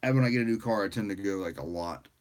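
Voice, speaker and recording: A man with a very deep voice hosts a casual livestream and chats with viewers. He sounds tired and rambles in a loose, easygoing way, with plenty of fillers. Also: quick pace. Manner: rambling and relaxed, with frequent fillers and laughs. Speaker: livestream host.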